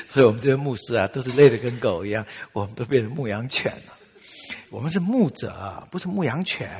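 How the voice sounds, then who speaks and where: A male pastor preaching a sermon in a church, telling stories in a humorous, animated way. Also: medium pitch, big-room sound, a little hiss or hum.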